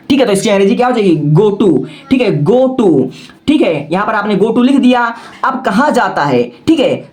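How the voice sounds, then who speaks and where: A male teacher giving a patient, step-by-step lesson, often checking in with "okay" and spelling words out letter by letter. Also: high voice. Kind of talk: classroom-style lesson.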